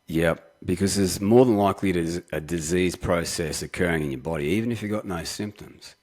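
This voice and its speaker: Brief: male expert guest, husky, calm and explanatory. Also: low-pitched, a little fast. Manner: confident, explanatory. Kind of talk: interview explanation.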